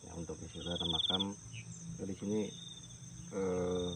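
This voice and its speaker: Low-voiced Sundanese man, loud night insects. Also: little pitch movement, normal speed, far from the mic. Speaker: host of a night exploration. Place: outdoors at a shrine cemetery at night. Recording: outdoor night recording, loud insect noise.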